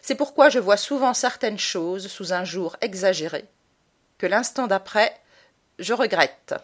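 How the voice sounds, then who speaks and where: A woman's voice: mid-range voice, expressive, measured pace. Woman voicing a stern, cold mother. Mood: dictating. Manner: curt, commanding, dictating. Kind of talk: audiobook character voice.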